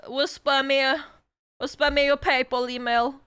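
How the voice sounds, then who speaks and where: A woman streamer chatting casually with her live viewers, bubbly and talkative, now and then calling out loudly. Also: high voice, little pitch movement, measured pace. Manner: bubbly, chatty with viewers, bursts of shouting and laughing.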